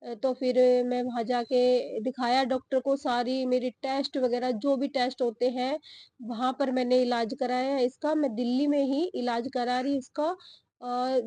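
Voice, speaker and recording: A young woman vlogging from her garden, short of breath and talking slowly with pauses. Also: high voice, mellow, no echo. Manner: slow, breathy-paced talk with pauses. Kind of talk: casual vlog talk to camera. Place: home garden outdoors.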